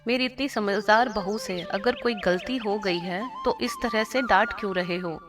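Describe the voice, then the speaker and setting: A woman's voice: mid-range voice, a little slow, close to an everyday voice. A woman voicing a kindly, patient older father-in-law in a cartoon story. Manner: gentle, patient. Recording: cartoon voice over loud music.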